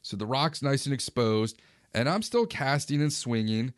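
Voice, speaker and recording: A man in his forties, a fishing vlogger, casually recounting a day on the river in a relaxed, conversational way. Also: mid-range voice, moderate pace, clear, resonant tone, no room sound, clean studio sound. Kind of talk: casual first-person storytelling.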